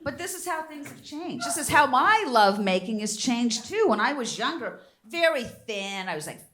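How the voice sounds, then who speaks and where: An older woman doing a bawdy stand-up comedy set on a theater stage, brash with loud squealing outbursts. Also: sits high, big pitch swings, moderate pace. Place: theater stage before a live audience.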